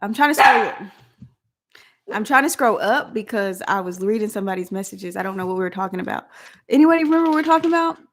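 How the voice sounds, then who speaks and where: A woman's voice: mid-range voice, animated, fast talker. Chatty woman with a country drawl. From Southeast Oklahoma. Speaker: vlog host. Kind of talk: casual live chat.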